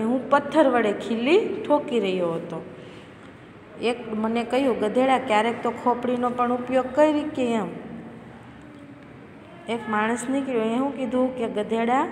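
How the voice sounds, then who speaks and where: Her voice slightly high and a little mellow, a Gujarati woman from India teaches by reading each line out loud and then calmly re-explaining it simply. The recording sits in an echoey room with long reverb and a faint hiss.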